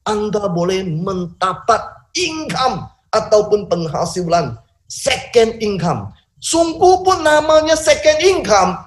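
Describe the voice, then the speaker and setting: A man from Indonesia delivers a rousing sales pitch over a video call. His voice sits a little on the high side and he speaks with fiery emphasis, swinging sharply in pitch and loudness. He drops English catchphrases into the flow. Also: a little hiss or hum. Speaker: business opportunity presenter.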